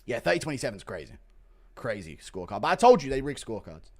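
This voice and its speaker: A man livestreaming live fight commentary and casual reactions, excitable and sweary, swinging between calm talk and shouting. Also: mid-range voice, quick pace.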